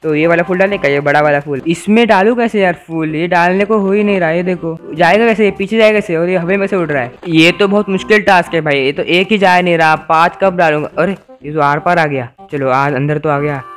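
A man's voice: on the high side, fairly quick, fairly bright tone, faint music behind. A young man giving playful, teasing commentary over a video game and talking to its characters. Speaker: gaming YouTuber. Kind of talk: Let's Play commentary.

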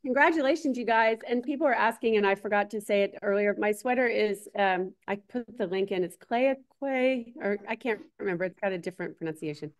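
A woman's voice: medium pitch, a little fast, hardly any pauses. Chatty woman co-hosting a livestream. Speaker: livestream co-host.

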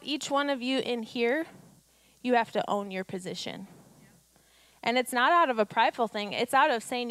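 Woman preaching into a handheld mic, high voice, dry sound, lots of rhetorical questions. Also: fairly bright tone, no echo. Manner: exhortative, rhetorical questions, acts out quotes. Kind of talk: sermon. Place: church auditorium stage.

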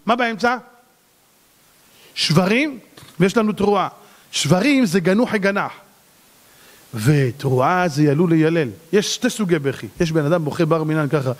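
A man, a rabbi, preaching a dramatic sermon, swinging between loud cries and low asides. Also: lively intonation, pauses often. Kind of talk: sermon to a congregation. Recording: long hall reverb.

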